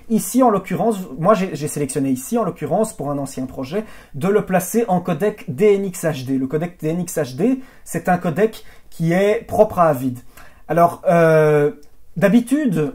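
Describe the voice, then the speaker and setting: A man explaining editing software settings in a tutorial, halting often with fillers and restarts and checking in with viewers. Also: a little high. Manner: addresses viewers directly with check-in questions. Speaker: video editing trainer. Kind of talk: screen-recorded software tutorial.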